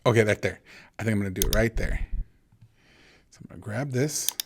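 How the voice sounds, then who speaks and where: Against a noisy background, a man with a lowish voice teaches video editing in a screen-recorded tutorial, talking a little fast. His instruction is casual and rambling; he thinks aloud and often restarts his sentences.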